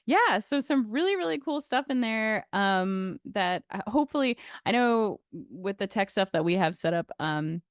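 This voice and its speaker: A woman's voice: medium pitch, animated, normal speed, hardly any pauses, no room sound, studio quality. A woman hosting a live-streamed interview, upbeat and encouraging as she thanks her guest and asks questions. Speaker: host.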